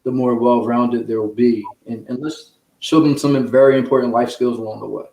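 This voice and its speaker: A creaky, warm mid-range voice speaks at a steady tone and normal speed. The man, an American children's author and sports journalist, is a guest answering interview questions conversationally and earnestly, explaining as he goes in an echoey room.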